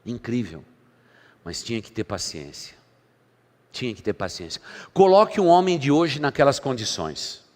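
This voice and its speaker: A man preaching a sermon as pastor, dramatic, swinging between loud emphasis and quiet asides. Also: mid-range voice, sing-song, normal speed, long pauses. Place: church sanctuary. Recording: long hall reverb from church.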